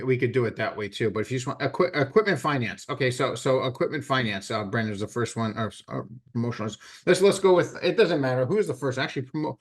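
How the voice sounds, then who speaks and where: Leading sales training live, this middle-aged man plays both parties in phone calls with animated energy, his pitch leaning high.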